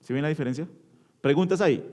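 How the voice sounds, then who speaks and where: A man preaching an interactive sermon in a church, asking the congregation questions and answering them, shifting from loud emphatic bursts to low quiet endings. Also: fast talker. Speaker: pastor.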